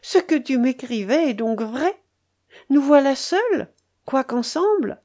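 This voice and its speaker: A woman's voice: medium pitch, little pitch movement, slow, breathy edge. A woman reading aloud, voicing an anguished young woman in forbidden love who breaks into tearful, desperate outbursts. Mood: sobbing.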